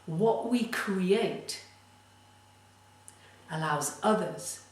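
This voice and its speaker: A woman coaching creative people with a motivational tip. Her voice sits a little low, and she speaks slowly and deliberately, pressing on the important words. She is recorded from a distance in a very echoey room. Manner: slow, deliberate, emphatic delivery.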